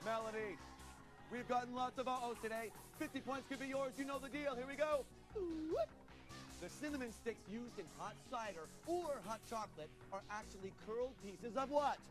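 A man's voice: extremely high pitch, normal speed. A man, hosting a game show in a showy, exclamatory way. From Montreal, Canada. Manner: showy, exclamatory, often shouting. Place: TV studio with audience. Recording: loud music and crowd behind.

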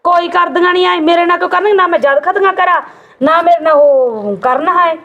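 A woman's voice: very high voice, a little fast, phone-quality sound. A woman playing a defensive, taunting sister-in-law in a Punjabi family drama skit.

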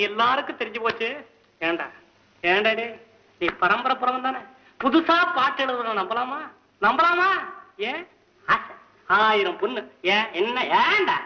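A man's voice: a little hiss or hum, full character voice. A man playing a poor, fretful temple poet in a 1960s Tamil film, whiny and sarcastic, complaining and talking to himself. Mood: lamenting. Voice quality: whiny, high and quick-tempered. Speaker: comic lead in a devotional film. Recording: dull old film soundtrack.

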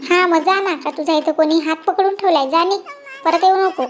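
A performer voicing an angry cartoon cat husband who scolds fast, through a high pitch-shifted effect. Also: steady tone, a little hiss or hum. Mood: scolding. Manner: shouting, rapid scolding. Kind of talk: comic cartoon dialogue.

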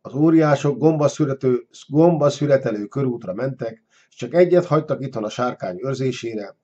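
A man narrating a children's storybook in a lively, expressive way. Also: medium pitch, highs cut off.

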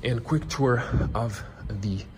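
A young man whose first language is Croatian, giving a casual walkaround car review in a showroom, talking haltingly with many fillers into a handheld camera. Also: mid-range voice, a little mellow, a little hiss or hum. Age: young adult. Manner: halting, many fillers, non-native phrasing. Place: car dealership showroom, inside a car. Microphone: handheld camera close to face.

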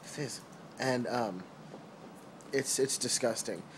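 Young man, from New York City, earnest, hesitant, mid-pitched, casual home vlog, phone held close, faint background hiss. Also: takes it slowly. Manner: earnest, hesitant with many ums and restarts. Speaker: vlogger. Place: indoors lying on a couch at home. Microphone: phone camera held close.

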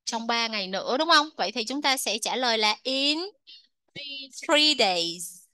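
Bright-voiced woman English teacher. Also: a little high, lively intonation, dry recording. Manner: asks questions, drills pronunciation slowly. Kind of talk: textbook lesson explanation.

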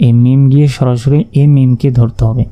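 Very dark-voiced man teaching Quran reading. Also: mid-range voice, fairly even intonation. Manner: slow, spelling out letters and vowel marks one by one. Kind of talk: step-by-step recitation lesson.

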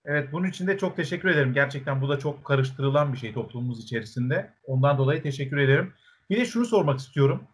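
A man's voice: medium pitch, lively intonation, quick pace. A man hosting an interview who asks curious follow-up questions and keeps affirming his guest. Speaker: interviewer, host.

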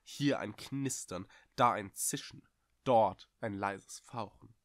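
Male storyteller, expressive, dry close mic. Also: lowish voice, slow pace, dry recording. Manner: expressive, vivid. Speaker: audiobook reader. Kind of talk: dramatic storybook reading.

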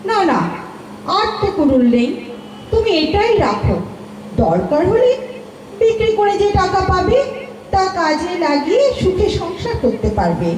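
A woman voicing a kindly, motherly river goddess in a radio play, speaking slowly and soothingly with a light teasing edge. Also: very high-pitched, sing-song, a little mellow, exaggerated voice. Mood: gentle. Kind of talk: amateur radio play acting. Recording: echoey room with faint noise.

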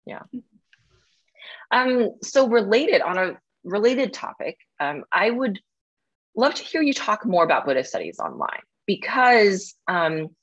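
A woman's voice: medium pitch, sing-song, measured pace, fairly bright tone, lo-fi sound. A woman hosting an interview as a scholar, speaking thoughtfully and hedging her points with frequent fillers. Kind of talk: conversational interview.

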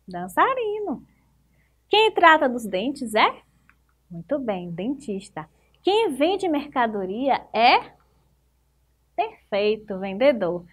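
A Brazilian woman teaching young children, her voice set a little high. She speaks very slowly and deliberately, stretching out words and praising answers as she corrects the worksheet. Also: big pitch swings. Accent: Brazilian Portuguese. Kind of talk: primary school lesson correcting exercises.

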